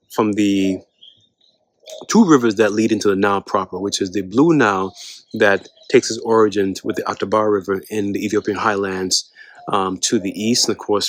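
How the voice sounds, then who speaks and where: A man's voice: on the low side, a bit bright, no echo. A man hosting an educational channel, explaining history in a lecture style with frequent rhetorical questions and fillers.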